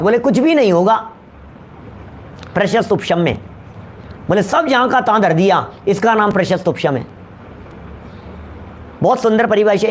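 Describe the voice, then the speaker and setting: A man lecturing a class on scripture, repeating his points and calling on listeners by name, often asking whether they follow. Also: sits high. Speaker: teacher of scripture.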